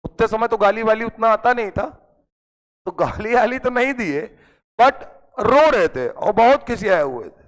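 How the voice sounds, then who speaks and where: Animated male teacher in a reverberant classroom. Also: high voice, a little slow. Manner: lively anecdotal telling, acts out voices of friends and mother. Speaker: chemistry teacher. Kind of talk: classroom storytelling. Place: coaching classroom. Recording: long hall reverb in classroom.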